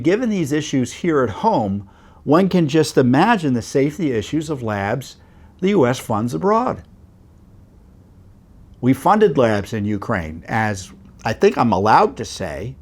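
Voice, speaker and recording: Male host, middle-aged, mid-pitched, loose conversational commentary with ums and asides. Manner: conversational, with many fillers and rhetorical questions. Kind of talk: commentary to camera.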